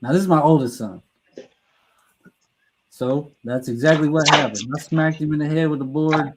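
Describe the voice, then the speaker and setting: A man's voice: fairly high pitch, normal speed, heavy background noise. Laughing middle-aged man spinning a yarn. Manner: rambling, laughs through his own story; restarts and stumbles mid-sentence. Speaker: storyteller. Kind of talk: casual profane storytelling.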